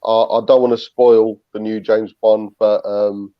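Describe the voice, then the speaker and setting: A man's voice: on the low side, little pitch movement, a little slow, no room sound, dull audio. A man from Britain co-hosting a casual call-in chat, laughing often as he talks. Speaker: podcast co-host.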